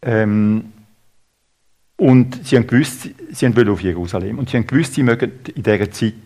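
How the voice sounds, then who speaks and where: A man with a Swiss German accent preaching a sermon, halting, with many fillers and restarts. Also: on the low side, warm tone.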